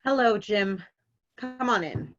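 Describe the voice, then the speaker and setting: A woman reading a calm, patient male therapist. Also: mid-range voice, slow, faint music behind. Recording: dull lo-fi audio.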